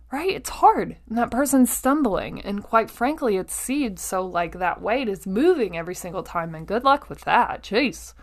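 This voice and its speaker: A podcast host with a mid-range voice delivers a motivational monologue straight to the listener. She uses emphatic phrasing, deliberate pauses, repetition and rhetorical check-ins.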